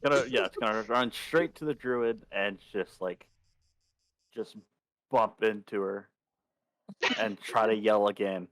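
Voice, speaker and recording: A man playing a tabletop game, casually and haltingly describing what his character does as he thinks aloud. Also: on the low side, a bit bright, no echo.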